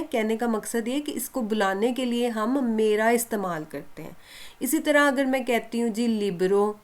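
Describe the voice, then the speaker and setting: A woman's voice: medium pitch, darkish tone. Patient woman teaching a language lesson. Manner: asks questions and answers them herself, repeats to drill; reassuring, encouraging.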